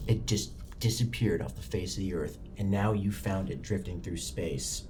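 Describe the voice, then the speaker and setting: Narrating a tabletop roleplaying session as game master, a man delivers dramatic, immersive storytelling in a low-pitched voice at normal speed. A music bed runs underneath, and the background is noisy.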